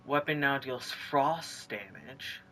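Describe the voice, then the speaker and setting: A gaming streamer giving let's play commentary, excitable and rambling, reading the game's text aloud between reactions. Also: medium pitch, slow, a little hiss or hum.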